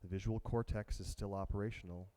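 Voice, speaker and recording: Low, mellow-voiced man guiding a meditation. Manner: slow, calm and soft-spoken. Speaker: meditation teacher. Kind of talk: guided meditation instruction.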